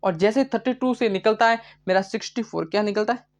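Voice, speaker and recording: A man's voice: high-pitched, fast. A male biology teacher in a live online class, talking in a chatty way. He keeps asking the class questions and then answers them himself, repeating each key term several times. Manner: chatty, addresses students as bhai.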